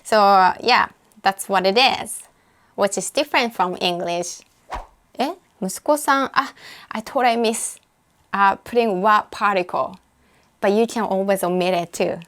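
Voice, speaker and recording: A language tutor with a Japanese accent walks through a language app lesson in a casual screen recording, relaxed and unscripted. Her middle-pitched voice is smooth and clean. She thinks aloud, pausing on frequent uh fillers and correcting herself as she goes.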